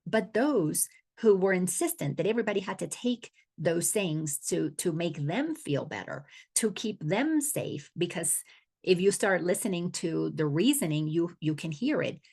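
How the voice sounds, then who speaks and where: A woman's voice: lowish voice, animated, measured pace, vocal fry, darkish tone, slightly rough. A middle-aged woman from the Dominican Republic, an awareness coach giving a spiritual teaching talk, earnest and often restarting her words.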